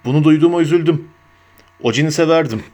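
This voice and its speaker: A man voicing a gruff hot-tempered old barman. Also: a little high, fast talker, warm tone, close to an everyday voice. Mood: gruff, grave. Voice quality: gruff, hoarse. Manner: barking retorts, scornful. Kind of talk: audiobook character voice.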